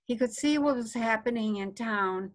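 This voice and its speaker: A woman teacher answering a question in an online class, speaking haltingly with many pauses and fillers, her voice strained and hoarse from teaching all weekend. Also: fairly high pitch. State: losing her voice, clearing throat. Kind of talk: casual spoken teaching.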